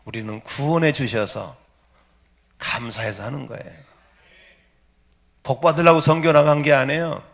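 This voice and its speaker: A middle-aged male pastor preaching a sermon in a church, emphatic, calling for amens and swinging between loud exclamations and soft asides. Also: mid-range voice, moderate pace, long pauses. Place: church sanctuary.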